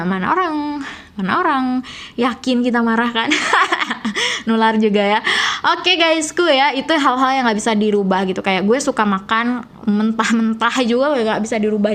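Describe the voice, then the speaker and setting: A young woman with a soft, gentle Sundanese accent chats straight to the camera in a relaxed vlog. Her voice sits a little high. She rambles loosely and fills the gaps with small fillers. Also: fairly quick. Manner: chatty, rambling, many fillers. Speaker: vlogger. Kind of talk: casual storytelling to camera.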